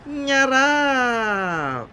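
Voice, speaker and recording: A man's voice: very high voice, sing-song, extremely slow, pushed and bright, a little hiss or hum. A man in his thirties from the Philippines, narrating a casual food vlog as he tours a buffet restaurant and lists the dishes in an upbeat, tour-guide manner, on a phone held at arm's length. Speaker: food vlogger. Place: large indoor buffet restaurant.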